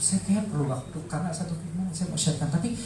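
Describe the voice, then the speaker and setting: A man's voice: fairly high pitch, fast. A middle-aged man giving an emotional testimony at church, emphatic and heartfelt, repeating words for stress. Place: large church hall. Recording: echoey hall, distant mic, faint music.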